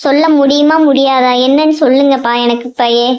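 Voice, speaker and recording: Woman doing cartoon young boy, high voice, hurt and insistent, dull lo-fi sound. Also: steady tone, a little fast, lightly acted. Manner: pleading, insistent questioning. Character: young boy Somu, hurt and stubborn son.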